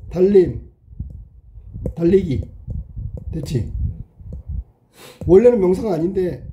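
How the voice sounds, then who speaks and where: A male teacher lecturing a class in a very dark, mellow voice. He keeps checking understanding with quick questions. A faint hiss sits under the recording. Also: on the high side. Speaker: Korean language teacher. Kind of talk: classroom lecture, explaining while writing.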